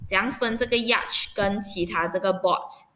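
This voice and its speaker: A woman's voice: mid-range voice, moderate pace, pushed and bright, a little hiss or hum. A woman teacher running an online vocabulary lesson for children. She spells words out letter by letter and patiently checks that her pupils understand.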